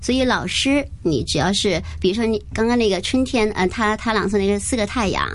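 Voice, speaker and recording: A woman's voice: mid-range voice, lively intonation, fairly quick. A woman teacher explaining things conversationally, in an earnest and encouraging manner. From mainland China. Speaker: Mandarin teacher, guest.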